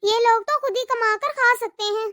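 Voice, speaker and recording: Worried cartoon mother-in-law, very high squeaky voice, dry sound. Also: normal speed, fairly bright tone, dry recording. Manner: fretful, musing aloud. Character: worried middle-aged mother-in-law, anxious and brooding.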